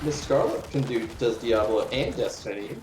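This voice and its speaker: A talkative male gamer joking with friends during a stream. His mid-pitched voice comes from well back from the mic, echoing in the room. Clear background noise sits under him. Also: lively intonation, moderate pace, distant mic. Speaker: player on stream. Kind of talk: casual gaming chat.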